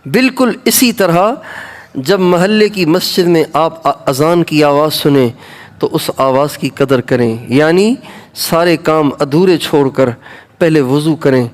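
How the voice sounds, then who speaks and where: Emphatic Pakistani man preaching. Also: fairly high pitch. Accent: Pakistani Urdu. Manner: repetitive, emphatic, rising for stress. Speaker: Islamic preacher. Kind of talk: sermon to women.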